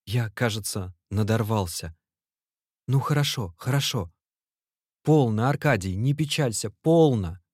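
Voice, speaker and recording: A man's voice: on the low side, expressive, unhurried, a little mellow, husky, dry recording, pitched above the performer's own voice. Man playing a broken young clerk, weak, weary, faltering, dry close sound.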